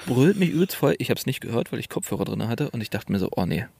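A young man casually telling a story on a podcast in slangy, animated speech. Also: medium pitch, quick pace, creaky, breathy edge, no echo.

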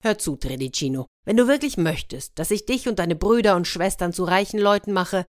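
A woman's voice: medium pitch, animated, a little fast, dry recording, clean studio sound, close to an everyday voice. A woman doing a stern, threatening king. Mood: commanding.

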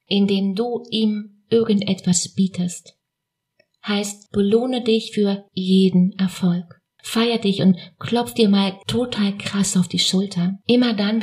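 A woman with a mellow, relaxed voice gives a self-help talk at an unhurried pace. Her pitch sits in a middle range for a woman. She addresses the listener directly and informally, encouraging gently and posing reflective questions. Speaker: self-help coach and host.

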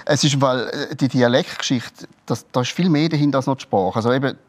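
A man from eastern Switzerland with an Eastern Swiss German accent, joking in casual banter. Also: mid-range voice. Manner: jokey, quick banter. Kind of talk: casual comedic chat.

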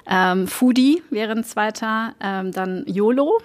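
A woman's voice: mid-range voice, takes it slowly. Hesitant Belgian-born woman guest. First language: not German. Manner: hesitant, many fillers. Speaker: marketing manager guest. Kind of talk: casual interview chat.

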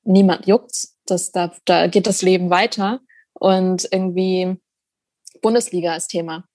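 A woman's voice: fairly low pitch, steady tone, measured pace, darkish tone, dry recording. A woman from Germany talking as an interview guest, thoughtful and searching for her words. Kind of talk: casual conversational interview.

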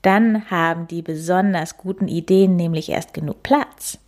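Woman as a grandmother coati, calm, amused, gentle, slow. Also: lowish voice, natural voice.

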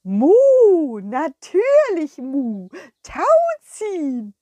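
Brief: sweet, clumsy cow girl, voiced by a woman, high and sing-song, slow and mooing, in a dry, close sound. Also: wildly swooping pitch, mellow, no room sound, full character voice. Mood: eager. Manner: moos between words, drawn out. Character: sweet clumsy short-sighted female cow.

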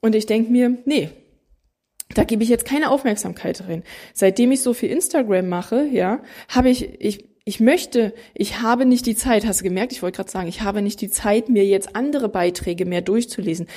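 A woman in her thirties speaks casually and directly to her viewers. She is animated and emphatic. She often acts out the voices of other people. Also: mid-range voice, normal speed. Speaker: mother of three. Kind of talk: casual talking to camera.

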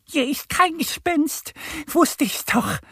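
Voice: high voice, slow pace, gravelly, dry recording, clean studio sound, pitched above the performer's own voice, heavily acted. A narrator doing a bold, perky little duck girl. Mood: cheerful, bold. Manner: bright, confident, excited. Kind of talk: children's story reading.

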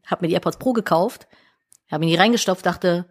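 A woman's voice: fairly low pitch, brisk, breathy edge. A woman telling a story in casual chat and acting out both sides of the quoted dialogue.

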